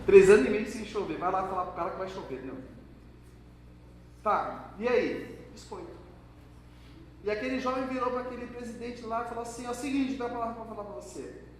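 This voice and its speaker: Male pastor with a high voice, lively storytelling sermon, heard from far off in a church hall. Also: brisk, pauses often. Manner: lively storytelling, addressing the congregation directly. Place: church hall during a service. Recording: echoey hall from far off, background noise.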